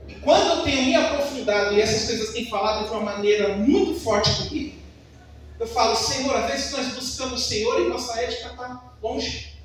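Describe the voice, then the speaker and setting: A man's voice: very high voice, a little fast, a little hiss or hum. A man preaching a sermon in a church, emphatic and full of personal stories. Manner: emphatic, storytelling. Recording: echoey church hall from far off.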